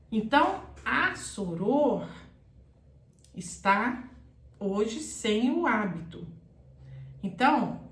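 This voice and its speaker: A woman teaching a grammar lesson straight to the viewer. She speaks slowly and carefully, explaining each point, in a fairly high voice. The sound carries a noticeable room echo. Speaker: Portuguese teacher. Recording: echoey room.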